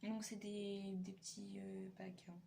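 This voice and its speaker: A woman's voice: mid-range voice, flat delivery, unhurried, gravelly, mellow, slight background noise. A young woman chatting casually in a makeup vlog, tired and hesitant, with many fillers. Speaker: beauty vlogger.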